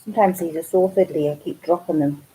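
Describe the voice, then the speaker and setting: A woman's voice: fairly low pitch, fast talker, dark tone, a little hiss or hum, rough recording. A woman with a Geordie accent hosting a casual live craft stream from home, chatting and rambling with lots of ums. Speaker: craft channel host.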